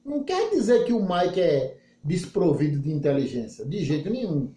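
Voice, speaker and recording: A man's voice: fairly high pitch, very animated, normal speed, mellow, echoey room. A male English teacher giving a recorded lesson, explaining step by step with folksy examples and checking in with the class often.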